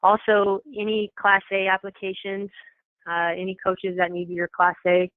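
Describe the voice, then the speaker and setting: Coaches on a telephone conference call hear an informal, explanatory meeting presentation from a program coordinator, delivered matter-of-factly. The medium-pitched voice is completely flat and moves at a moderate pace, and the line sounds tinny and echoey.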